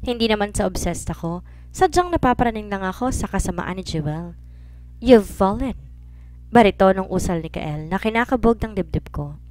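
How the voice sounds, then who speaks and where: A woman's voice: mid-range voice, expressive, fairly quick, darkish tone. A woman narrating a romance story in the first person, reading with feeling and mixing in English.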